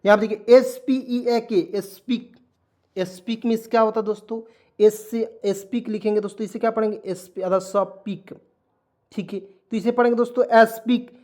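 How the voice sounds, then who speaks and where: A man teaching an online vocabulary lesson. He spells each word out slowly letter by letter and repeats its meaning. He keeps turning to the viewers as his friends and checks whether they are following. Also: sits high, fairly even intonation, darkish tone. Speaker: English teacher.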